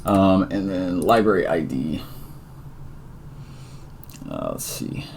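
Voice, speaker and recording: A very deep, gravelly male voice with a lively, wandering pitch, tired and talking his way through a coding tutorial. He thinks aloud, trailing off into fillers and correcting himself. A faint hiss sits under the recording. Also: slow pace. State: tired and yawning. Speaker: tutorial presenter.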